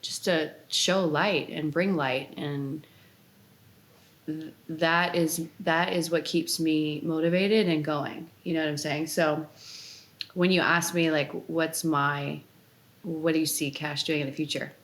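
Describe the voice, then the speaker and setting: A woman's voice: sits low, fairly even intonation, slow. A woman in her thirties, a dancer guest on a casual podcast, talking in a rambling way full of "like" fillers. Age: 30s. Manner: chatty, rambling with many "like" fillers. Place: Los Angeles.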